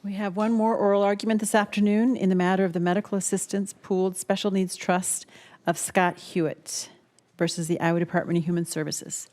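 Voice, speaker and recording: A woman presiding over a court session, opening the argument and handling procedure in a brisk, lightly informal way. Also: mid-range voice, steady tone, a little mellow. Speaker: presiding judge.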